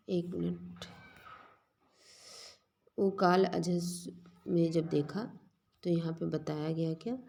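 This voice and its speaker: A woman teaching Sanskrit grammar in a slow classroom lecture, reciting verses and then explaining them step by step. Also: lowish voice, creaky, warm tone.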